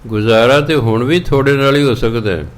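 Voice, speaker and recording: A man preaching a Sikh scripture sermon with a Punjabi accent, chanting verses slowly and then explaining them in plain talk. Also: mid-range voice.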